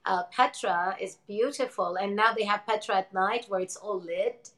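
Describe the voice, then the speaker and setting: A woman's voice: mid-range voice, moderate pace, rough recording. Woman from jordan in her 40s, interview guest, earnest and thoughtful, lots of restarts and little laughs. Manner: earnest and reflective, with frequent restarts and soft laughs. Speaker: interview guest, energy-healing teacher. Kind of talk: casual interview conversation.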